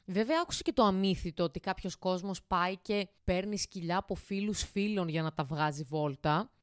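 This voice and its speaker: A woman's voice: lowish voice, no room sound. Rambling, chatty young woman, dry sound. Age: 20s. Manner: chatty and rambling, swears casually, addresses listeners as "guys". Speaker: podcast host. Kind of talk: casual monologue podcast. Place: home kitchen, cooking while talking.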